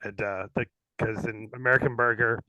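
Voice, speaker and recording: A man's voice: mid-range voice, fairly even intonation, fairly quick, sharp tone, dry recording, poor audio. A man co-hosting a casual livestream, chatting about movies in a rambling, laughing way, a little tipsy and swearing casually. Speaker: livestream co-host.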